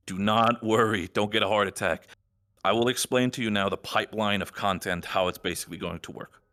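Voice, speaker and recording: A man's voice: on the low side, a bit bright. A man on the project's admin team giving a podcast status update, rambling and reassuring as he explains plans.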